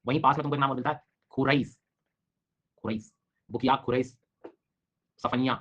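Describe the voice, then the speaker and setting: A man's voice: medium pitch, steady tone, normal speed. A middle-aged male teacher giving an online exam-prep lecture, teasing his students with jokes while drilling names over and over. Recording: dull lo-fi online class audio.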